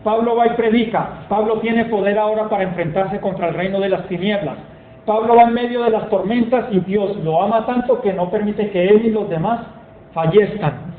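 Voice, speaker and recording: High-pitched guy preaching, big emphatic storytelling, sounds tinny like a phone line. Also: moderate pace. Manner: emphatic storytelling, reads scripture aloud. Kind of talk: sermon. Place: church hall. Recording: tinny phone-like sound, echoey hall, faint noise.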